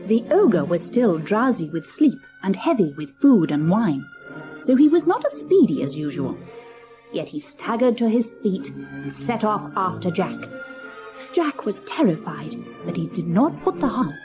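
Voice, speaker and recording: Expressive woman reading a storybook. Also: medium pitch, measured pace, soft background music. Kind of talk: scripted storybook narration.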